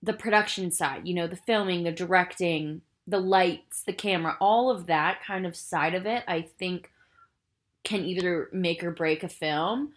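A woman's voice: on the low side, unhurried. A woman hosting a casual film review podcast, chatty and rambling with lots of "like" fillers, earnest and emotionally invested in what she describes. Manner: chatty and rambling, heavy use of "like" and "I think". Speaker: podcast host.

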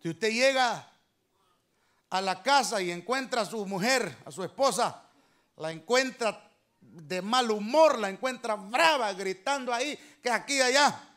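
High-voiced emphatic preaching pastor. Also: male voice, animated, measured pace. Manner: conversational preaching, often addressing "hermano"; swings between soft asides and loud emphatic lines. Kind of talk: sermon. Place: church.

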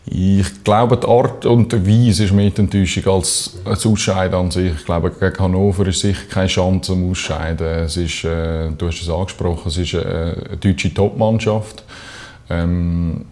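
A young Swiss man, a handball player, answering in a studio interview with measured, hesitant phrasing. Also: low-pitched, steady tone, darkish tone. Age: young adult. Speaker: professional handball player, team captain. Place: small TV studio.

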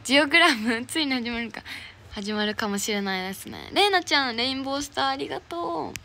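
A woman's voice: high voice, animated, fast, pushed and bright. A young woman with a Kansai accent chatting casually on a livestream, cheerfully reading out and thanking viewers for their comments and gifts. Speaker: idol livestreamer. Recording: noisy livestream audio.

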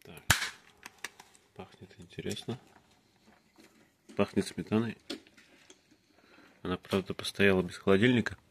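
Calm man narrating a casual food-tasting vlog. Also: low-pitched, unhurried, long pauses, a little hiss or hum. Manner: calm, terse, speaks in short clipped phrases. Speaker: vlogger tasting groceries. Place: indoors, in a room in a city. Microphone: phone camera held by the speaker, who stays off screen.

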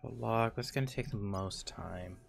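A man streaming a game, muttering quietly to himself as he plays and thinking aloud. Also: fairly low pitch, normal speed, creaky, faint music behind. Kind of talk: casual gameplay commentary.

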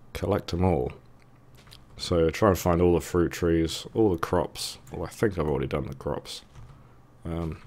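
A man's voice: sits low, darkish tone. A man with a thick, sore-throated voice giving casual, hesitant let's play commentary, musing to himself as he goes. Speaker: gaming video host.

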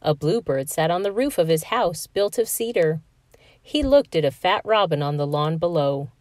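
A woman reading a children's picture book aloud in an expressive, sing-song storytelling manner. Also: low voice, moderate pace, no room sound, studio quality.

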